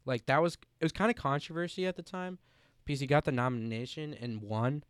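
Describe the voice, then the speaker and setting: A man's voice: medium pitch, fairly quick, smooth, no echo, studio quality. A young man co-hosting a casual podcast, talking animatedly with lots of "like" and casual swearing. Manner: animated, filler-heavy with many "like"s, swears casually. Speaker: podcast co-host. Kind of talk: casual chat.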